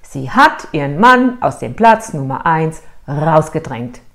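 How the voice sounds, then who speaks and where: A middle-aged woman therapist telling a client's case to a video audience, asking questions and answering them herself, sometimes dropping to a hush. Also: sits low, a little slow. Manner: lively, rhetorical questions, answers herself, dramatic drops to a hush. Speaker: therapist in private practice.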